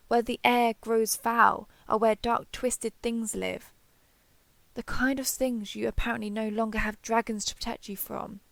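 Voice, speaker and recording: In a scripted audio roleplay, a woman plays an ancient, proud female dragon in human form, using formal, measured, archaic phrasing. Her mid-range voice is creaky, grave and imperious, with no echo.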